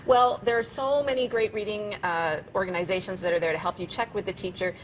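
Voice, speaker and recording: A woman's voice: mid-range voice, a little fast, slight background noise, low-quality recording. A woman speaking as a parenting expert, explaining conversationally in a practical, encouraging way.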